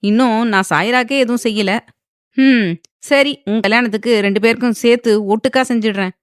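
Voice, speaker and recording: A cheeky young man with a quick, teasing manner, full of playful banter, as a woman reading an audio novel puts him on. The voice sits a little high and bright, recorded close and dry. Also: smooth, dry recording, lightly acted.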